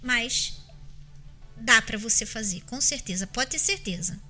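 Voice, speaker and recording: Earnest Brazilian woman, high bright voice. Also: animated, unhurried, faint music behind. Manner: earnest, emphatic, addresses listeners directly. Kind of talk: faith-based advice chat.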